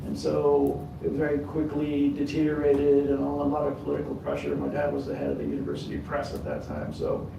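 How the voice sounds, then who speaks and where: 50s guy on a panel, kinda high gravelly voice, far from the mic in a noisy echoey hall. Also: brisk, hardly any pauses. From born in the US, raised in California, family from Sudan. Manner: self-deprecating, many fillers and restarts. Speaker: conference panelist. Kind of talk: personal story on a panel. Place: conference hall.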